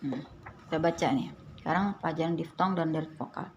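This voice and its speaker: A woman tutor patiently walking through a reading and writing workbook, explaining points slowly and repeating them. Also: low voice, dull audio, a little hiss or hum. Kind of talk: casual tutorial walkthrough.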